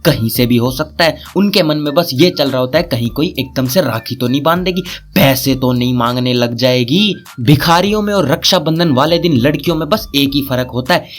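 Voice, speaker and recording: A man's voice: mid-range voice, a little fast. A young man telling a crude, sarcastic roast story as a comedy storyteller. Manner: sarcastic, cheeky, vulgar.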